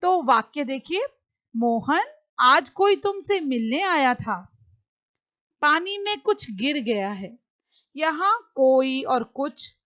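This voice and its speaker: A woman with a high voice explains a grammar lesson at an unhurried pace, dwelling on each example. The recording is dry and somewhat dull and lo-fi. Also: a bit bright, no echo. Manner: slow, deliberate explaining with examples. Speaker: teacher.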